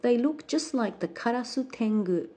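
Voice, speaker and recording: A gawking village man from a folk tale, remarking in a husky, mellow voice, as a woman reads him. He sounds curious and talkative. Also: on the high side, lively intonation, normal speed, pitched above the performer's own voice.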